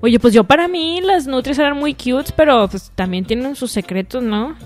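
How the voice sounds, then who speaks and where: Mexican woman, radio host, casual slangy chatter, swears freely, somewhat high voice, faint music underneath. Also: moderate pace. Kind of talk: casual solo radio talk. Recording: music playing faintly behind.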